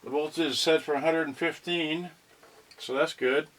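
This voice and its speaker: A man with a higher-pitched, fairly bright voice talks at normal speed and in a steady tone. He hosts an electronics unboxing channel, giving a casual, unscripted unboxing full of rambling, thinking aloud, and unfinished thoughts, recorded as a noisy home video with clicks.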